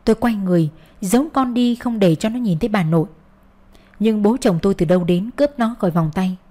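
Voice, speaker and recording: Woman reading a sad first-person story, bitter and hurt, normal middle pitch. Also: brisk, mellow. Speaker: narrator.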